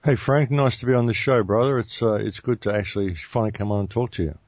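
A deep-voiced Australian man talks as a guest, rambling easily through his story with restarts along the way. The sound is dry and a bit muffled, with no room around it. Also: fast, a little mellow, no room sound. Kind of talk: casual interview talk.

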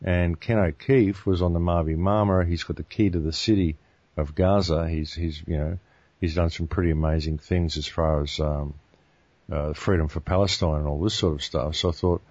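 A deep-voiced Australian man talks as a guest, rambling easily through his story with restarts along the way. The sound is dry and a bit muffled, with no room around it. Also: steady tone, normal speed, darkish tone, no room sound. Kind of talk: casual interview talk.

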